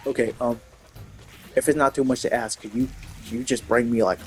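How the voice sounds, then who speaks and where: A man's voice: medium pitch, steady tone, fairly quick, faint music behind, natural voice. A man voicing an aquarium owner pleading for help with fish.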